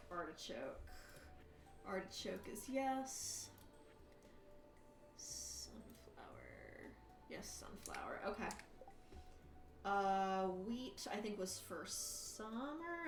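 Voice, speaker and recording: A woman with a mid-pitched voice gives casual live commentary on her game. She thinks aloud and addresses viewers with understated, dry wit. The sound is roomy and a little distant from the mic. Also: fairly bright tone. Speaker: livestreamer hosting a charity gaming stream. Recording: roomy echo, off-mic, faint background noise.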